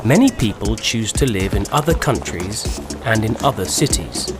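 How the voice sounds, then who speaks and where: A man reads a scripted documentary narration in a clear, measured way. His voice sits on the low side and rises and falls a great deal. Music plays steadily beneath him. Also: big pitch swings. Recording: voice-over with music underneath.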